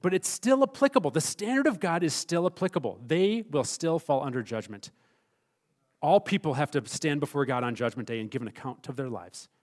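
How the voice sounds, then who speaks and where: A man preaching a sermon as pastor, emphatic, swinging between loud stressed phrases and hushed, quiet asides. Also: on the high side, lively intonation, fairly quick.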